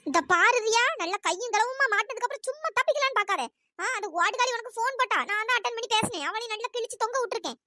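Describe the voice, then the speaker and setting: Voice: very high voice, rapid-fire, no room sound, studio quality, full character voice. Someone voicing a nagging old cartoon aunt. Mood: scolding. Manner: nagging, accusing, shouting insults. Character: scolding older aunt, sharp-tongued mother-in-law. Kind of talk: cartoon story voice acting.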